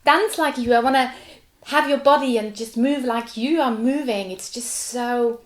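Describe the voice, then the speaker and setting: Her fairly high-pitched voice moves at a moderate pace and sounds roomy. She is a woman in her forties from Switzerland, a native German speaker and contemporary dancer, chatting in a lively, casual interview sprinkled with laughs and "like."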